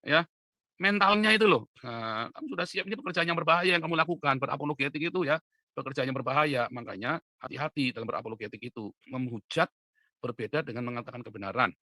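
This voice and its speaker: Speaking at a quick pace with no room sound, a man who preaches and comments online gives a casual monologue to the camera. His emphatic delivery moves from quiet asides up to loud, pressing urging, often capped with the tag "ya kan?"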